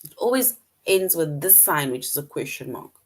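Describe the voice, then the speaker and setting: A woman's voice: low voice, sing-song, normal speed. A woman teaching an online English lesson to young children, patient and repetitive, often checking in with "right?".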